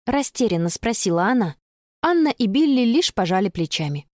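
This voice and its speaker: Expressive woman reading a children's story. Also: mid-range voice, brisk, no room sound, studio quality. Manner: expressive, dramatic. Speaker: narrator. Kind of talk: scripted audiobook narration.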